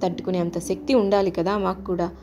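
A woman's voice: on the low side, flat delivery, fast, a little mellow, natural voice. A woman voicing a group of frightened planets, complaining fearfully in a storybook tale.

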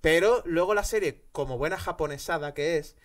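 A man, co-hosting a podcast and telling a rambling, animated story full of fillers. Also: a little high, fairly quick. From Spain. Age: 30s. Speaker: podcast co-host. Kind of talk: casual chat.

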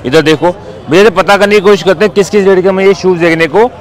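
A man with a high voice and quick pace vlogs his way through an outdoor street market, asking sellers their prices. He stays upbeat and chatty, often saying "bhai" and "theek hai." Crowd chatter and traffic come through the rough recording.

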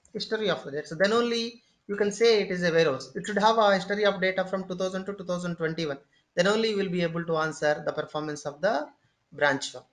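A mid-pitched instructor talks through a screen-share tutorial lecture, explaining one step at a time. The delivery is loose and unscripted, with phrases repeated and restarted mid-thought and frequent "okay" checkpoints. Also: a bit bright.

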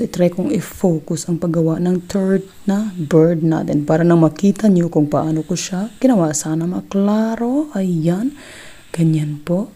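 A middle-aged woman walks viewers through a hands-on craft project in a casual, chatty tone. Her voice is low, breathy and soft-edged, and she keeps slipping in joking asides. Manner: playful, jokey asides, chatty teaching. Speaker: craft video host.

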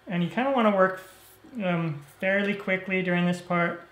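A man hosting a cooking show, explaining each step of a recipe in a relaxed, easygoing way. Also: high voice, moderate pace. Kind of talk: cooking demonstration. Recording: roomy echo.

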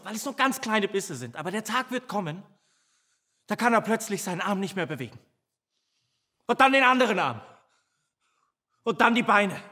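A man performing a doting little guardian in a stage monologue, a high voice that stumbles and repeats itself. The words ring out in the long reverb of a theatre hall. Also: pushed and bright, heavily acted. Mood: menacing. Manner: halting and stammering, repeating words. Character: devoted protective companion imagining himself tiny, vengeful. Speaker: stage actor in a filmed play.

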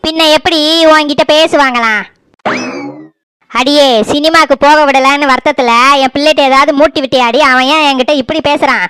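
A nagging older cartoon mother-in-law with a Kanyakumari accent, voiced by a woman. She scolds and pities herself in a raised, high voice. The recording is dry and close. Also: fairly even intonation, moderate pace, a bit bright, dry recording. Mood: complaining. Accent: Kanyakumari Tamil. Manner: scolding, self-pitying. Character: sharp-tongued older village mother-in-law.

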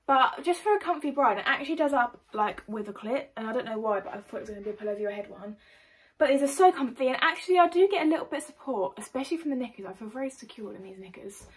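A young woman with an English accent chatting through a clothing haul in a bubbly, energetic way, filmed at home under a ring light. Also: a little high, very fast, rough recording. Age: young adult. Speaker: vlogger. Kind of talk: casual haul vlog.

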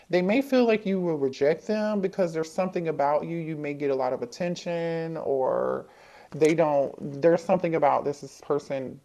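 A woman's voice: deep voice, mellow, a little hiss or hum. A woman doing a casual tarot reading for viewers, thinking aloud, asking the cards questions and repeating herself as she goes. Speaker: tarot reader.

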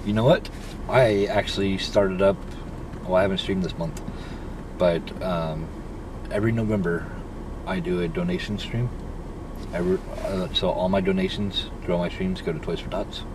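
Man, thirties, lowish voice, joking and teasing, casual car chat, dashboard camera, engine and road hiss behind. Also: steady tone, moderate pace. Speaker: vlogger. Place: inside a parked car. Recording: noisy car interior.

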